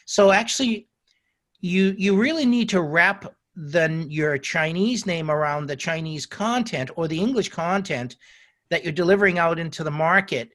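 An older man, a guest in an interview, gives long, storytelling answers in a voice a little high for a man and a bit bright. He speaks at normal speed, frequently restarting and correcting himself mid-phrase.

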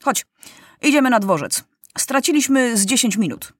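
A bold street boy, done by a woman reader, talks fast and high with lively swings. The reading sounds dry and close to the mic. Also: breathy edge, no echo. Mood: brisk. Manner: brisk, lively storytelling.

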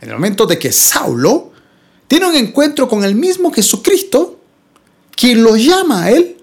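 A Bible study teacher who reads scripture slowly and expressively, then explains it plainly, addressing the listeners as brothers and sisters. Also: medium pitch, very animated.

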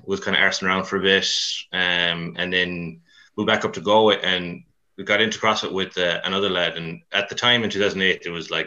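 A man's voice: low-pitched, sharp tone, dull audio. A man with a west of Ireland accent chatting casually in an interview, rambling and colloquial, with a self-deprecating touch. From Mayo and Dublin, Ireland. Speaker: CrossFit coach, podcast guest.

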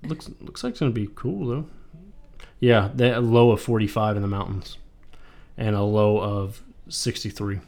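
A man's voice: on the low side, moderate pace, darkish tone. A man hosting a podcast in casual chat, rambling and joking, with a loose tongue that slips into swearing. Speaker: podcast host.

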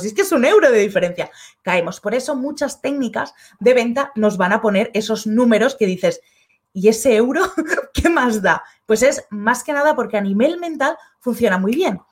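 Lively woman with a Spain Spanish accent. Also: on the high side, slightly rough. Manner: chatty, acts out little dialogues with shifting voices. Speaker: online course creator and live-stream host. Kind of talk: casual live-stream talk reading chat comments.

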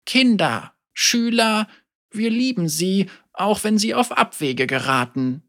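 A storybook reader voicing an elderly woman, a teacher and mother, wry, calm and gently teasing. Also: mid-range voice, takes it slowly, pitched above the performer's own voice.

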